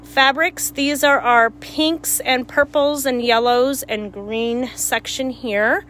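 A woman with a fairly high voice walks through a shop, casually pointing out products. She talks like a store worker showing viewers what is in stock. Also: fairly even intonation, slow, fairly bright tone, slight background noise. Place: small cluttered shop, indoors. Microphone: handheld phone.

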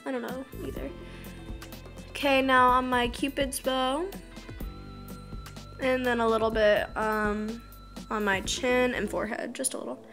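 A teen beauty vlogger chats casually through her makeup tutorial in a small bedroom by a curtained window; her slightly scratchy, fairly high voice is level, a bit bright and measured, with frequent pauses. She rambles, mocks herself and drifts into mumbles, recorded on an arm's-length built-in camera mic with faint music behind.

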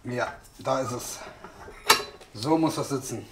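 In a very noisy recording, a car mechanic hosting a repair vlog speaks slowly in a medium-pitched voice. He casually explains his work, thinking aloud and filling the gaps with many fillers.

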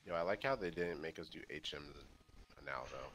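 A man hosting a let's play, chatting casually and excitably with a friend while he plays. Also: extremely low pitch, a little fast. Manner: excitable, jokey banter with a friend. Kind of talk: casual gameplay commentary.

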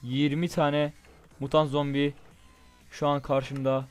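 A young man doing casual, excitable gameplay commentary, chatting straight to his viewers. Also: on the high side, slow pace. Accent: Turkish. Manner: chatty, excitable, talks to viewers as "guys" and "bro". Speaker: gaming YouTuber. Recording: faint game music behind.

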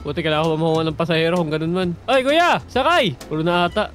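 A young man from the Philippines chats his way through a game in a high voice. He slides between loose Tagalog and bits of English and often bursts into yelling at the passengers on screen. Faint music runs quietly behind him. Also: level tone, racing. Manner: mixes English into Tagalog chatter. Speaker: gaming vlogger. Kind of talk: casual gameplay commentary.

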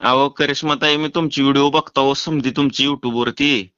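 A man's voice: mid-range voice, steady tone, moderate pace, pushed and bright, smooth. A man making a prank phone call, urgent and insistent at first, then apologetic and teasing. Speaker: prank caller.

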